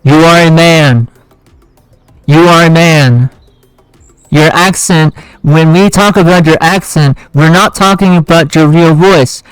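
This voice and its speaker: Clear, dry, blunt man arguing. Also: sits high, no echo, rough recording. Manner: blunt, emphatic, repetitive. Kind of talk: unscripted opinion commentary.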